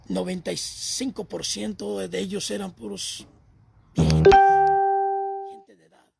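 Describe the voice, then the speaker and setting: Gravelly high-voiced preacher man. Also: fairly even intonation, measured pace, over loud music. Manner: storytelling testimony, repeats phrases for emphasis. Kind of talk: sermon.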